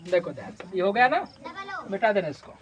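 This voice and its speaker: A man's voice: high-pitched, sing-song, fairly quick, crowd noise. A male teacher giving a classroom maths lesson, repeatedly quizzing his class and answering his own questions.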